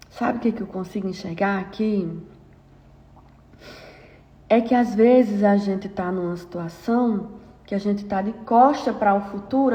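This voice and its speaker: Woman, Brazilian Portuguese accent, emotive devotional storytelling, higher voice, long reverb. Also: darkish tone. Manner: emotive storytelling, acts out dialogue. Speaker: lent diary speaker. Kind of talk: devotional Bible reflection. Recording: reverberant, muffled audio.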